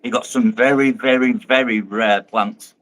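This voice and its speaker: An eager man joins a live stream over a phone call. He talks at a medium pitch, often restarting his sentences as he gets carried away. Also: fairly even intonation, measured pace, a bit bright. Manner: enthusiastic, stumbling restarts. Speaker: co-host, shrimp keeper. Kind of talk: casual live-stream chat. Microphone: new phone on a video call.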